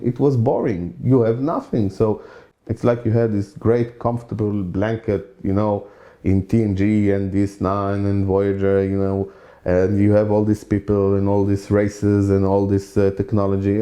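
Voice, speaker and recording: A channel host around forty from Israel talks through a casual opinion monologue with an Israeli accent. His voice is on the low side, mellow and steady, a little slow. He's loose and chatty, leaning on "you know" and repeating points to stress them.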